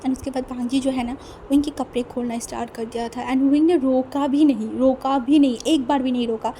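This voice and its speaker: A woman's voice: high voice, fairly even intonation, a little fast, mellow, slight background noise. A woman casually narrating a fan fiction story, chatty with lots of repeated fillers.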